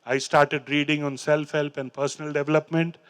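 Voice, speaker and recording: A middle-aged man with an Indian English accent, speaking on stage into a handheld mic, telling his recovery story in an earnest, halting way. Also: a little high, little pitch movement, clean tone. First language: Hindi or Urdu. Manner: earnest, halting, with fillers and restarts. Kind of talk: personal talk on stage, reciting poems. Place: large stage in a hall. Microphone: handheld microphone.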